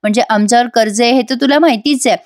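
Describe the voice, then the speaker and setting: A woman's voice: on the high side, very fast, dry recording, studio quality, close to an everyday voice. A woman reading out the lines of a tense, stubborn young woman who refuses to marry. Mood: firm.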